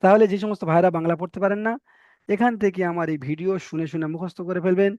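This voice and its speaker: A male Quran teacher in an online lesson, patiently explaining pronunciation and repeating each sound slowly. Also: sits high, steady tone, darkish tone, dry recording.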